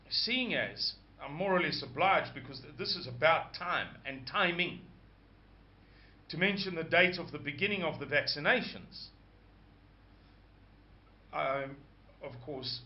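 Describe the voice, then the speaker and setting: A man with a croaky voice, hosting a rambling casual monologue and stopping to search for words. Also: fairly high pitch. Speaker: host. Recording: dull lo-fi sound.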